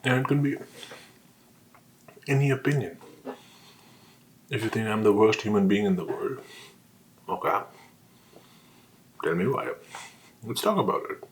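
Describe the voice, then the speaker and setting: Man, deep voice, casual opinion rant, talking through food, self-answered questions, faint background noise. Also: measured pace, pauses often. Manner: talking while eating, mouth sometimes full; rhetorical questions answered by himself. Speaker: vlogger.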